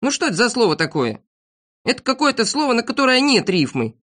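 A woman's voice: fairly high pitch, big pitch swings, a little fast, fairly bright tone, pitched above the performer's own voice. A woman voicing a self-important little boy poet who lectures in a weary tone, reading a storybook.

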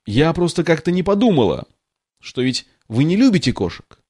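A man's voice: a little high, sing-song, normal speed, a little mellow, husky, pitched above the performer's own voice. A man voicing a chatty, tactless little girl who gushes and rambles in a storybook reading. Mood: gushing, eager. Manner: gushing, rambling, apologetic chatter.

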